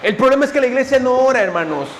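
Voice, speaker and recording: A man's voice: very high voice, expressive, very fast, slight background noise. A man preaching a fervent sermon at a church service, speaking straight to his congregation. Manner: fervent, directly addressing the congregation as brothers.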